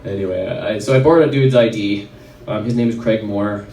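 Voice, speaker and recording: A man with a lowish, dark voice talks fairly quickly, with a little hiss or hum on the track. He's a chiropractor from Red Deer, Alberta, Canada, telling a personal story at a wellness event in a casual, rambling style full of fillers. The distant mic in the event venue gives a roomy sound.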